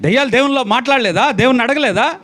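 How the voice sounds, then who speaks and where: A male pastor preaching a sermon, swinging between loud exclamations and low, quiet lines and repeating phrases for emphasis. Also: very fast.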